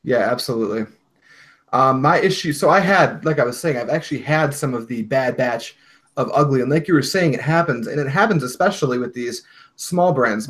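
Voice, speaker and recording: A man's voice: mid-range voice, a bit bright. A man hosting a casual livestream chat, easygoing, agreeable and talkative, reading comments from the chat. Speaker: livestream host. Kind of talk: casual livestream chat about hookah tobacco.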